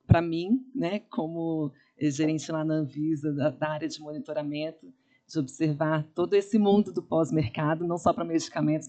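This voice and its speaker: A woman's voice: low-pitched, dark tone. Brazilian woman giving an informal opening address. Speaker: public health agency manager.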